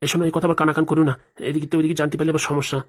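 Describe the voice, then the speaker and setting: Woman doing a deep, gruff cartoon husband. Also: level tone, rapid-fire. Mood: gossiping. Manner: brusque, bossy. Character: deep-voiced gruff husband, middle-aged man, hurried. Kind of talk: cartoon voice acting.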